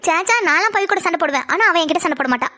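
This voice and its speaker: Woman, very high voice, very fast, curious cartoon voices, dry close sound. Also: lively intonation, pushed and bright, dry recording. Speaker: voice artist doing female cartoon characters. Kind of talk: Tamil cartoon voice acting.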